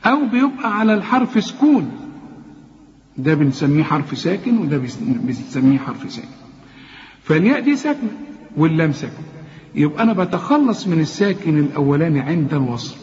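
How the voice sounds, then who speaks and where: A man with an Egyptian accent teaching a Quran recitation lesson, patiently explaining rules and slowly repeating each word to demonstrate it. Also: sits high, sing-song, a little mellow. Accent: Egyptian Arabic. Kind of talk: tajweed lesson with recited examples. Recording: reverberant, slightly dull recording.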